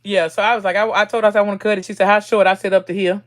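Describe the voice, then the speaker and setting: Speaking very fast in a medium-pitched, level tone, a woman hosts a casual livestream chat. She laughs frequently and reads out what her viewers write in the comments.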